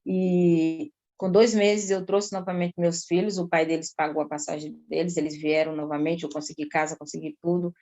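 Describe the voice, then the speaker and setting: A talkative woman from São Luís, Brazil, giving an earnest personal testimony to a pastor at a slow, lingering pace. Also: on the low side, little pitch movement, dark tone.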